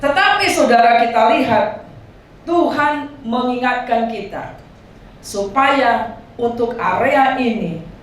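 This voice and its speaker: A woman pastor with a Medan accent, preaching a sermon in an animated way and calling for answers from the congregation. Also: on the high side, takes it slowly. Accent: Medan Indonesian. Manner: animated preaching with call-and-response. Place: church hall. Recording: echoey church hall from far off.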